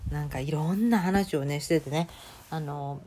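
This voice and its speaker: A woman with a Kansai accent hosting her own channel, chatting casually and telling stories in a lively, conversational way. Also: low-pitched, normal speed. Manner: chatty storytelling, acting out quoted voices. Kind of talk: casual chat.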